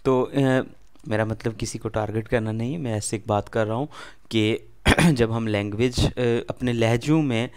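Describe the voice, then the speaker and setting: A man's voice: lowish voice, steady tone, moderate pace, darkish tone, smooth. A man whose first language is Urdu, speaking with an Urdu accent as he teaches a beginner language lesson, patiently repeating words and quizzing the listener.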